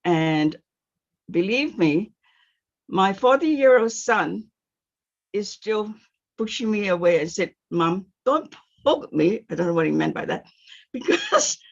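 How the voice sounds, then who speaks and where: A woman in her sixties from Singapore speaking in a halting way on a video call, with many fillers and nervous giggles. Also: mid-range voice, very animated, creaky. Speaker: meeting participant. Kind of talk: casual testimony. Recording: muffled lo-fi call audio.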